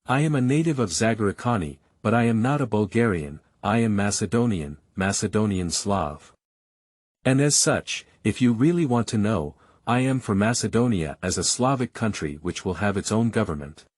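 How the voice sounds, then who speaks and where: A man with a low, husky voice delivers a historical parliamentary speech in a declamatory voice-over. His tone is oratorical and insistent, recorded dry and close with no room around it. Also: expressive, normal speed, no echo.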